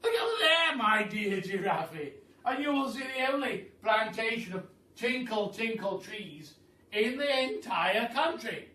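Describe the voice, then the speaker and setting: A man voicing a loud, pompous, generous aristocratic Duke from a storybook, grand and exclamatory. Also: high voice, lively intonation, a little slow, pitched above the performer's own voice, full character voice. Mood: hearty, generous. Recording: roomy echo, far from mic.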